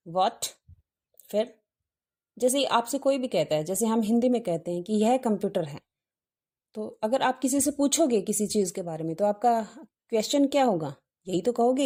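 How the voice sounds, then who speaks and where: A woman teacher works through a workbook, explaining each answer step by step. She keeps asking the class questions and answering them herself. Her voice sits a bit high but sounds warm and mellow. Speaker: English teacher.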